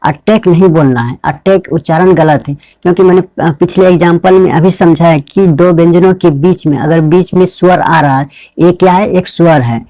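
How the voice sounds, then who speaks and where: A man gives an online pronunciation lesson at his computer, often asking a question and answering it at once. His voice is mellow and dark, recorded dry and close with no room sound. He lingers on each word and says it more than once. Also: fairly high pitch, normal speed, dry recording. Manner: repetitive, asks and answers his own questions. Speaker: English pronunciation teacher. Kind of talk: screen-recorded tutorial lesson.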